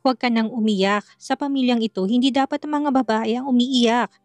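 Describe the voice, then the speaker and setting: A woman reading the part of a stern older mother-in-law who scolds firmly but softens with tenderness. The voice sits fairly high and dry, close to the mic, with faint music underneath. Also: a little fast, no echo, lightly acted. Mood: tender. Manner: firm, scolding yet tender. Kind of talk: storybook narration.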